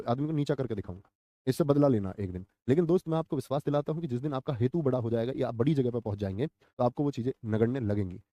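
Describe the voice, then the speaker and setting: A man's voice: medium pitch, dark tone, no room sound. A young man teaching exam vocabulary in a live online class, quizzing viewers and repeating each answer.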